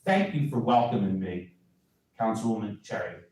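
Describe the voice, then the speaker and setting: A man's voice: lowish voice, lively intonation, moderate pace, a little mellow. A man speaking during public comment at a town council meeting, praising the officials in a needling, sarcastic way. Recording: echoey council chamber, voice from far off the mic.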